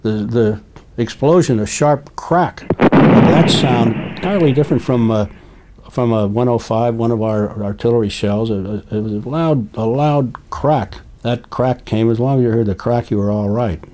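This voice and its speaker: An elderly American man, a war veteran remembering his service in an interview, speaking in a halting, deliberate way with repeated words. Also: medium pitch, fairly even intonation, mellow, poor audio. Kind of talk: recollecting war experiences in an interview.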